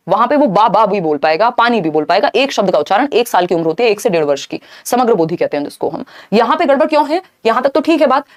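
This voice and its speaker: A woman teaching a live online exam-prep lesson, explaining answers briskly and answering viewers in the chat. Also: fairly high pitch.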